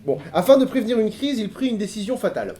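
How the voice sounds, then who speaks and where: A man's voice: high-pitched, sing-song, fast talker, mellow. A man hosting a riddle game on stage, laughing often and hesitating while he answers questions. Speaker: game host. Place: convention stage before an audience. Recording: live crowd in a hall.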